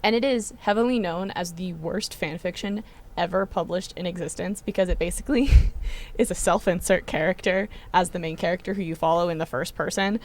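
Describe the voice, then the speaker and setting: A woman's voice: lowish voice, brisk. Young woman on a podcast, eager, explains stuff in long stretches. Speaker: podcast co-host. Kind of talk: casual chat.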